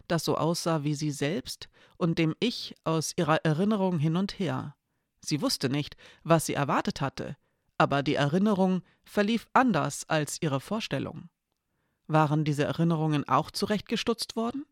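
A narrator reading a dark fantasy story aloud in a measured, even storytelling manner. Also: medium pitch, no room sound, studio quality.

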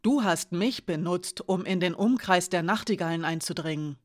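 Woman doing calm quiet spy lady, soft and low, earnest. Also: unhurried, natural voice.

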